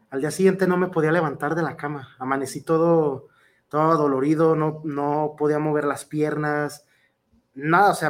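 Fairly high-pitched, a Mexican-accented man who wrestles professionally responds to interview questions. He comes across as earnest, wandering off track and restarting often amid plenty of fillers.

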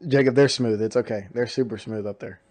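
A man's voice: mid-range voice, fairly even intonation, fairly quick, a little mellow. A young man in casual group chat, trading crude, profane teasing banter with friends. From Texas.

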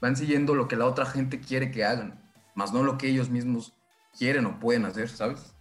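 A man's voice: medium pitch, normal speed, soft background music. A man who works in science, talking casually on a podcast, eager and rambling with many restarts. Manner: enthusiastic, agreeing, rambling. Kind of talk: casual conversation.

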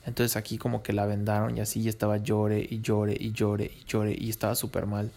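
A man's voice: lowish voice, monotone, fairly quick, creaky, dark tone. A young Mexican man with a Mexican Spanish accent, rambling through a slangy, casual story. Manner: slangy, rambling, laughs between lines.

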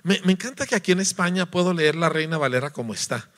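A man from Mexico, preaching a lively sermon, acting out voices and asking his listeners to agree. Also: a little high, fast. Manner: animated, acts out voices, sings notes, asks listeners "¿verdad?".

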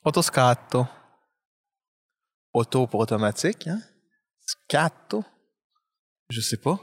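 A man with a Québécois French accent talks at length as a podcast guest, with a loose, rambling flow. He often pokes fun at himself, and his voice sits at an ordinary middle pitch. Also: very animated, slow pace, no echo. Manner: talkative, self-deprecating, rambling. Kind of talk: casual conversation.

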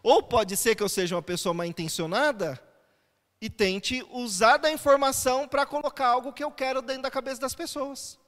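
Male pastor, high-pitched, chatty sermon delivery with rhetorical questions, recorded in a reverberant church. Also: fairly even intonation, moderate pace, fairly bright tone. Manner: conversational teaching with rhetorical questions.

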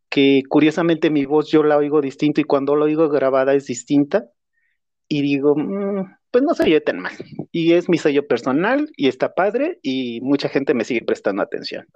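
A man's voice: fairly high pitch, darkish tone, no echo, highs cut off. A man, a podcast co-host and therapist, telling personal stories in a reflective, self-deprecating way. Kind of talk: casual personal storytelling.

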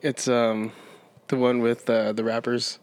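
A woman's voice: a bass voice, level tone, measured pace, darkish tone. A woman in casual chat during a lyrics guessing game, teasing, laughing often and correcting firmly.

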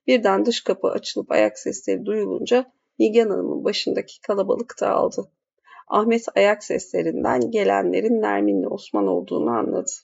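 A woman narrating a literary audiobook in a measured, even way. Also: medium pitch, gravelly, slightly rough. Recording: dull lo-fi audiobook recording.

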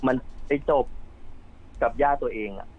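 A man calling in to a podcast, explaining his question in a hesitant, halting way. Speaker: caller, young broker. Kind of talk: casual chat. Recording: tinny phone-like line.

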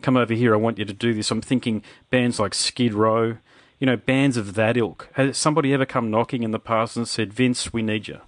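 A man's voice: medium pitch, fairly even intonation, brisk, no room sound, studio quality. A man with an Australian accent chatting casually as an interviewer. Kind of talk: casual chat.

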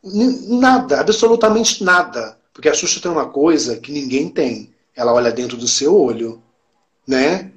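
A man with a Brazilian Portuguese accent, his voice sitting a bit higher than most men's. He talks in a casual, excited way, repeating words for emphasis and acting out the lines of other people as he tells his story. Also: moderate pace. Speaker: podcast guest. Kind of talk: casual chat.

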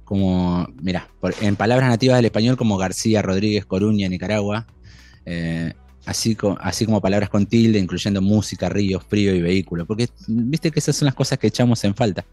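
A man's voice: lowish voice, a little mellow, no room sound, faint music behind. Hesitant man chatting tech. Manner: hesitant, many restarts and fillers, reads news quotes quickly. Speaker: podcast co-host. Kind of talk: casual tech chat.

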